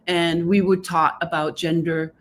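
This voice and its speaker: A Danish woman with a Danish accent joins a live video call as a guest author, earnestly explaining her ideas and frequently checking in with "right?". Her fairly low voice is flat and unhurried. Slight background noise is audible.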